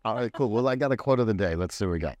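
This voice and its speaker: A man hosting a podcast, chatting in a relaxed, agreeable way and reading quotes aloud. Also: lowish voice, rapid-fire, no room sound, dull audio. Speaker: podcast host. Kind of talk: casual podcast conversation.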